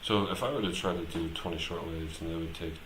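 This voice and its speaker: A low-voiced man speaks at a quick pace during a live stream, unscripted and casual, wandering and hesitant while thinking out loud. Background noise is clearly audible in the echoey room.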